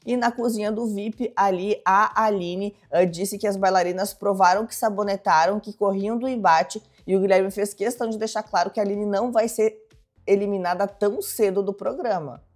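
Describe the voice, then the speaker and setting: A woman's voice: medium pitch, steady tone, moderate pace, faint music behind. A woman hosting a chatty, dramatic reality show gossip recap. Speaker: host.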